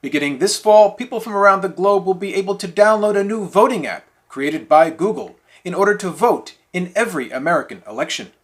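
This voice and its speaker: A man's voice: high voice, animated, a little fast, few pauses. A man reading scripted mock news as a parody news anchor, in a formal, straight-faced delivery.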